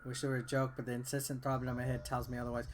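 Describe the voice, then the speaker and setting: This man's medium-pitched voice is monotone and racing, with background noise in the recording. As a game reviewer and video host, he delivers offhand gameplay commentary and reads out game text over game music.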